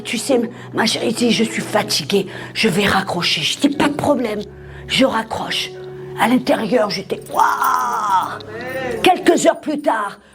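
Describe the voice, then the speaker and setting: A woman preacher telling a testimony in a sermon, dramatic, dropping to a hush and rising to shouts. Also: fairly high pitch. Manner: dramatic storytelling, swings from hushed to shouting.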